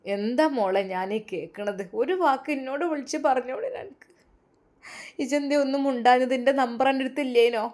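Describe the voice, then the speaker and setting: A woman's voice: sits high, fairly quick, darkish tone, lightly acted. A woman voicing a worried older mother from Malappuram who pleads anxiously, with a Malappuram accent. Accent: Malappuram Malayalam.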